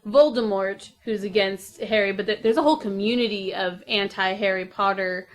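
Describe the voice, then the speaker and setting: A woman's voice: mid-range voice, moderate pace. A woman on a podcast panel, chatting casually with rambling, filler-heavy talk. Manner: rambling, with many fillers and restarts. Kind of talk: casual chat.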